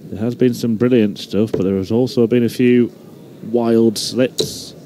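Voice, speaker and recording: A man's voice: medium pitch, steady tone, measured pace, mellow, slight background noise. A man giving live sports commentary as a darts commentator.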